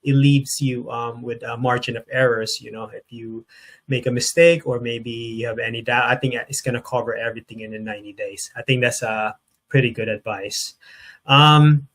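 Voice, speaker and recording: A man's voice: medium pitch, steady tone, normal speed, fairly bright tone. Hesitant man in his forties hosting. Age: 40s. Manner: hesitant, many uh and um fillers while forming questions. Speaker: podcast host. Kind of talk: casual interview.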